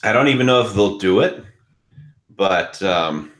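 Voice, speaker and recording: Deep-voiced man in casual chat. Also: lively intonation, unhurried, a bit bright. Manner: rambling, hedging with fillers. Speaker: co-host.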